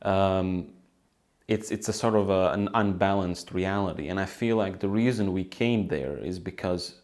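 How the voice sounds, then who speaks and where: A young man from Bosnia talks through his ideas alone at home by a window, his voice sitting very low. He speaks thoughtfully and haltingly, with lots of ums and restarted phrases. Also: darkish tone. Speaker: author and video host. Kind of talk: reflective solo talk to camera. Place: room at home by a sunny window.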